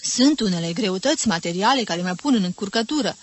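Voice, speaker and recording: A woman's voice: medium pitch, expressive, close to an everyday voice. A woman reading an audiobook, voicing a formal, courteous young man asking for a marriage. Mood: earnest.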